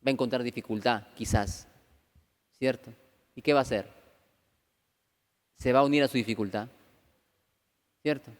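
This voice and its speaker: A man preaches in a conversational style, constantly asking his congregation rhetorical questions and slipping into the voices of churchgoers. His voice sits at an ordinary middle pitch. Long reverb from a church hall trails every phrase. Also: moderate pace, long pauses. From Peru. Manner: acts out quoted voices of churchgoers. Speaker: pastor. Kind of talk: conversational sermon.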